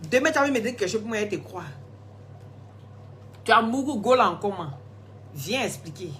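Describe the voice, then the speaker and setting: A hoarse woman, scolding and gossiping in a casual live stream, laughing often. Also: medium pitch, a little fast, a little hiss or hum. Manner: animated, scolding, laughs a lot. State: hoarse, sore throat.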